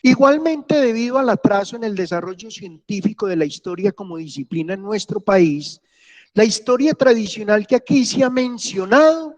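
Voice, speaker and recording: A man from Colombia, giving a history lecture and telling stories in a chatty, animated way. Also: sits high, long reverb tail. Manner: animated, chatty, acts out anecdotes. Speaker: history teacher. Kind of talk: classroom lecture with storytelling. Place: classroom, with hybrid remote class.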